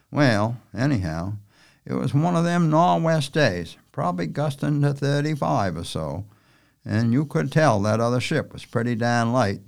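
A man narrating a novel aloud in a folksy, unhurried storytelling manner with rural turns of speech. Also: mid-range voice, gravelly. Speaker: audiobook narrator.

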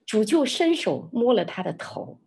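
Middle-aged woman guest, husky voice, sweeping intonation, vivid storyteller. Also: on the high side, normal speed. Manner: expressive, lively storyteller who laughs often. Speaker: interview guest. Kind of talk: animated testimony storytelling.

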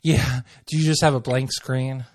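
Male host, casual chat, mid-pitched and gushing, rambling delivery, dry close sound. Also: flat delivery, moderate pace, darkish tone, no echo.

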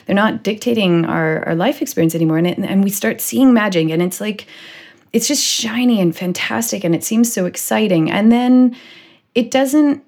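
A woman's voice: mid-range voice, normal speed, creaky, darkish tone. A woman hosting a casual podcast conversation, rambling with lots of "like" and "you know". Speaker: podcast host.

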